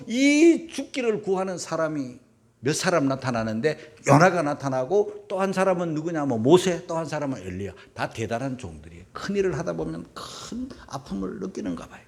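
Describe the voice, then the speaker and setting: A male pastor preaching a sermon, swinging from loud emphatic bursts to hushed whispers and calling his congregation to read along together. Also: high-pitched, gravelly. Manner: leads the congregation in reading aloud together. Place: church sanctuary.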